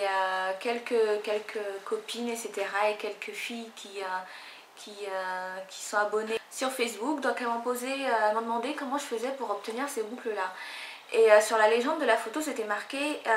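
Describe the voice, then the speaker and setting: Fillers, restarts, and chatty tangents fill this casual hair tutorial from a young French Guianese woman. Her voice runs on the high side, and the echoey recording picks up a little hiss or hum.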